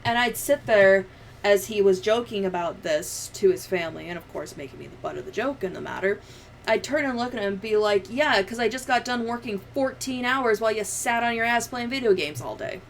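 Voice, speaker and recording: A young woman livestreams herself editing a video, chatting in a casual, sweary, sardonic manner; she's from the United States. Her mid-range voice is animated and brisk. The room ambience and background noise come through clearly.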